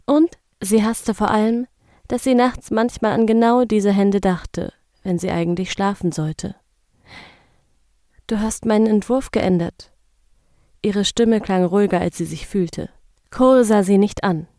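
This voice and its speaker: A woman narrating a romance story in a slow, intimate, hushed storytelling manner. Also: medium pitch, steady tone, no echo, studio quality.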